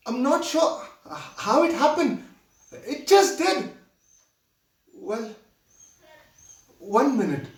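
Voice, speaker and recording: A man's voice: very high-pitched, heavily acted. A man performing a monologue as a flustered young theater usher on his first night, nervous and stammering as he confesses. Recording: roomy sound from far off.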